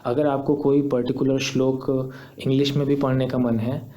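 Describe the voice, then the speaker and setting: A man's voice: medium pitch, level tone, moderate pace, warm tone. A young man, patiently explaining step by step in a screen tutorial. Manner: patient, step-by-step, repeats points. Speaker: teacher.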